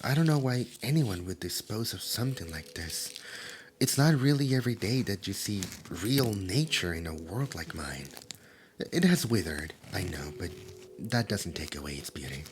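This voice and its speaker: A deep, expressive voice at normal speed, with a little hiss or hum, brings to life a nerdy immortal demon who flusters easily in roleplay ASMR character acting. The delivery stammers theatrically, wistful and soft, lurching between gentle musing and panicked outbursts.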